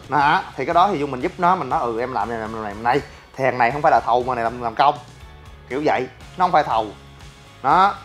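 A man, a gym business owner ranting to his viewers in a blunt, crude and animated way and often asking "right?". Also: a little high. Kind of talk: casual ranting talk to viewers.

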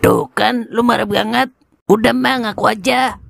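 A cheeky kid with a strongly gravelly, crackly voice, put on by a voice actor for a cartoon drama. Dry close recording. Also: mid-range voice, fairly even intonation, unhurried, fairly bright tone, dry recording, heavily acted. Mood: mocking. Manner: cheeky, mocking. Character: cheeky young boy teasing an older man.

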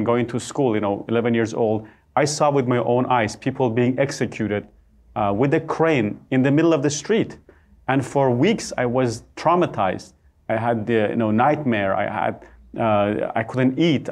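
A man's voice: mid-range voice, darkish tone. A man in his thirties from Iran, with a Persian accent, speaking earnestly as a studio guest with many hesitations. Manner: earnest, with frequent "uh" fillers. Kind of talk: interview testimony. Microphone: lapel mic.

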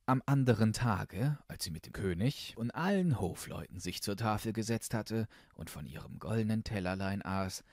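A man reading a fairy tale aloud in a calm, soothing way. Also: lowish voice, no echo. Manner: slow, even and soothing. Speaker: storyteller.

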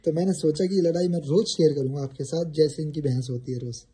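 A man hosting a family vlog at home, calmly trying to settle an argument and talking to viewers. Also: on the high side, quick pace. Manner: calm, tries to settle the fight. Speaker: vlog host. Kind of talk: casual vlog chat.

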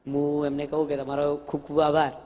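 A man's voice: fairly high pitch, completely flat delivery, a little fast, mellow. A young man from the audience, earnestly asking a teacher questions and sharing his own experiences. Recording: dull audio with faint noise.

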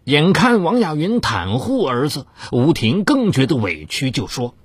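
Husky theatrical male story narrator. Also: huge pitch swings, measured pace, dry recording, studio quality. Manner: theatrical, swings of pitch for suspense. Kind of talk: dramatized true-crime story narration.

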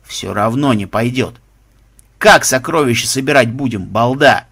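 A man's voice: medium pitch, a little slow, a bit bright, husky. A man voicing a skeptical, grumbling male game tester in an audiobook. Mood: scolding. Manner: grumbling, scolding.

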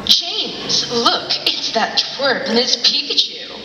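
A woman's voice: high voice, lively intonation, slow pace, noisy background. A woman on a convention stage playing a haughty villainess in a cosplay skit, recorded from far off in an echoey hall. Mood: bossy. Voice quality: theatrical and bossy. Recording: echoey hall, far from the mic, loud music.

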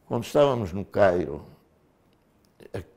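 A man's voice: fairly low pitch, measured pace. Older man telling stories with gusto. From Mozambique. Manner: animated storyteller, drops "pá" fillers. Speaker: former liberation fighter, guest. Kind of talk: studio interview, reminiscing. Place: TV studio.

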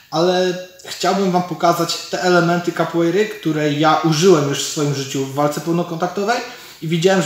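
This male coach in his thirties uses a slightly high voice to explain martial arts techniques while demonstrating them in an instructional session. He's recorded on a camera mic several metres away inside a large, very echoey indoor gym with a fighting cage, with faint noise in the background.

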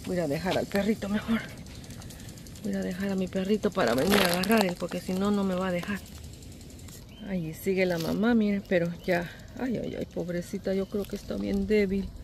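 A woman's voice: medium pitch, a little fast. A Salvadoran woman filming a phone vlog outdoors on a walk, talking in an anxious, tender way and sighing "ay" again and again. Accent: Salvadoran Spanish. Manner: anxious, tender, keeps saying "ay" and "pobrecito". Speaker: vlogger. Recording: outdoor phone audio, noticeable background noise.

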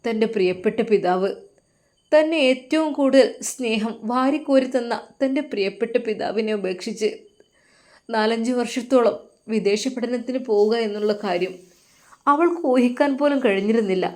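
A woman narrating a family drama in an emotive, expressive storytelling manner. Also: a little high, moderate pace.

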